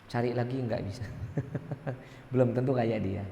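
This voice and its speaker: An ustadz with a Medan accent from North Sumatra gives a sermon to a mosque study circle in a large hall, joking conversationally and asking the congregation questions. His medium-pitched voice is steady, a little slow, and dark in tone, with long reverb from the echoey hall and a little hiss or hum.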